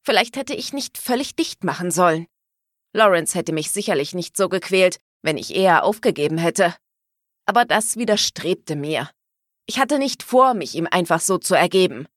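A woman's voice: lowish voice, animated, moderate pace, no room sound, clean studio sound. A woman narrating a first-person audiobook expressively, giving her own lines a feisty edge.

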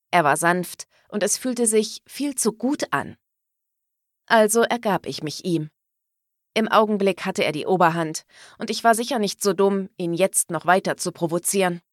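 A woman narrating a novel in the first person, with a measured, even storytelling delivery on a close studio mic. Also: medium pitch, dry recording. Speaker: audiobook narrator.

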